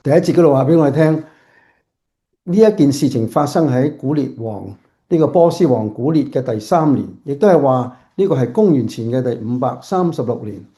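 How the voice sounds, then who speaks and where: A man pastor giving a sermon from home, halting and restarting often. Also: medium pitch, expressive, warm tone.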